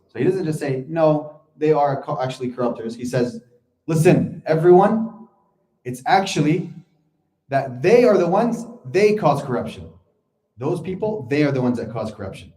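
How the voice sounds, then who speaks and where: A man's voice: mid-range voice, dark tone. A man giving a Quran commentary lecture, explaining step by step and repeating points for emphasis. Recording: echoey room.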